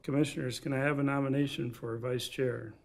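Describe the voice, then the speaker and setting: A man with a measured, gravelly delivery, speaking formally as the chair of a commission meeting. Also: mid-range voice, fairly even intonation, a little hiss or hum. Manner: measured, procedural. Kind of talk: formal procedural meeting talk. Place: public meeting room.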